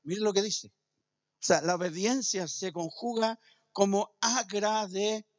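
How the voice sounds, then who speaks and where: Male pastor, unhurried sermon delivery, frequent amens, muffled close recording. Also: high voice, fairly even intonation, dry recording. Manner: preaching with many "amén" and "¿cierto?". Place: church.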